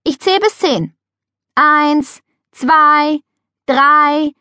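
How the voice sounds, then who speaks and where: A woman's voice: medium pitch, very animated, moderate pace, no room sound, clean studio sound. A woman voicing a confident, sporty young girl with lots of energy. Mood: playful.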